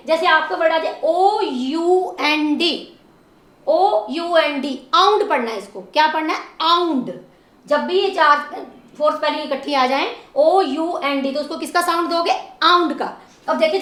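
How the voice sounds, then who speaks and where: Woman teacher, high voice, slow, spells and repeats words, asks learners to answer. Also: fairly bright tone, reverberant. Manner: spells words letter by letter, repeats each word and quizzes the listener. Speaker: English teacher. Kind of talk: slow word-by-word pronunciation lesson.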